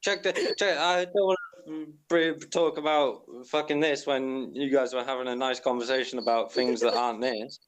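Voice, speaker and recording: A man's voice: mid-range voice, fairly even intonation, moderate pace, rough recording. A man calling in to a casual chat, blunt, swearing heavily and laughing often. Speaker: guest on a call.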